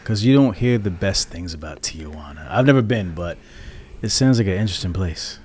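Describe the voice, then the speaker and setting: A man hosting a casual interview show, talking to his guests in a lively, upbeat way. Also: low-pitched, a little fast, slightly rough. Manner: upbeat, hype-style address to fans. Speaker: podcast host.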